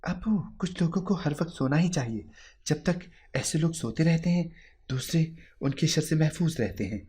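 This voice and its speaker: Man putting on a soft, wary young daughter. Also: fairly high pitch, very animated, pitched above the performer's own voice. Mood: guarded. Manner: quiet, guarded replies.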